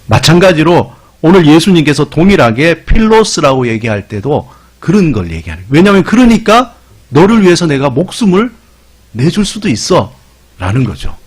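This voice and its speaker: A man's voice: on the high side, moderate pace, breathy edge. A middle-aged man, a pastor, preaching a sermon in a conversational way. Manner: conversational preaching with lively dialect imitations.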